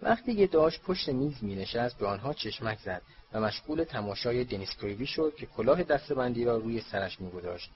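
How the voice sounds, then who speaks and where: A man narrating a storybook audiobook in a steady reading voice, on a dull lo-fi recording. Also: mid-range voice, few pauses.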